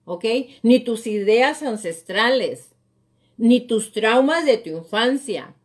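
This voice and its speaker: Speaking slowly with a slightly high voice and lively intonation, a middle-aged woman coaches on her live show, which she hosts as a real estate coach. Her motivational talk is emphatic and frequently circles back to repeated phrases.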